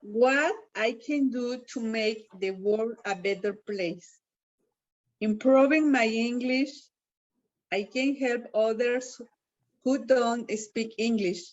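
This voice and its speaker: A woman learning English who reads a prepared statement slowly and carefully, pausing between phrases. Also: a little high. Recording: dull, muffled recording.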